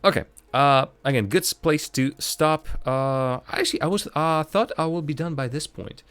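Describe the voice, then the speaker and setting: A man giving casual, halting game commentary, thinking aloud and poking fun at himself, and speaking as a language. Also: fairly high pitch, a bit bright, clean tone, dry recording. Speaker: host of a game playthrough stream. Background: game music.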